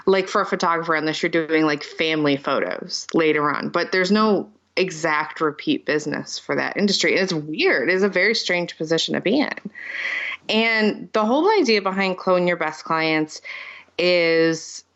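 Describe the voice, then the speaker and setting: Woman podcast guest, relaxed storyteller, lowish voice, dull lo-fi audio. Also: moderate pace. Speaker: podcast guest, marketing strategist. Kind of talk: casual interview conversation.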